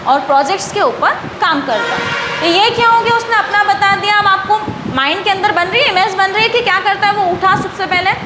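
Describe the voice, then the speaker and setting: A woman with a very high voice teaches a beginners' English class, asking a question and then answering it herself. The room echoes and a steady noise runs underneath. She explains each point patiently. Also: brisk, a loud crowd. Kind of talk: classroom lesson, Hindi with English.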